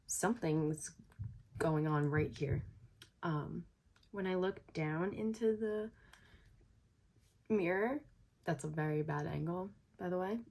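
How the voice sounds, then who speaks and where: A woman talking casually about makeup in a relaxed, rambling way. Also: deep voice, creaky. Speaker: makeup vlogger. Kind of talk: casual chat.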